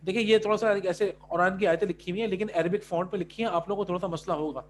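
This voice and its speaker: A man's voice: high voice, fairly even intonation, a little hiss or hum. A male Arabic teacher explaining words in a class, switching between Urdu and English and often checking that students follow. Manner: mixes Urdu and English, keeps checking understanding.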